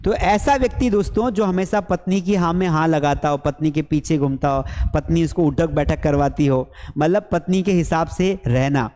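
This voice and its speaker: A man runs an exam-prep vocabulary lesson, asking questions and then answering them himself. His voice is fairly high but dark and mellow. A long reverb trails behind every word, like a hall. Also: normal speed, hardly any pauses. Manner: repeats each word with quiz questions to students. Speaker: English teacher.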